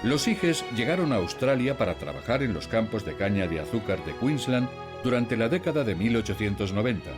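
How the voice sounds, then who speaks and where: Guy narrating a travel doc, calm and curious, voice moves around a lot, music playing under it. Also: fairly low pitch. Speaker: travel documentary host. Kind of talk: documentary narration and interviewing. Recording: voice with background music.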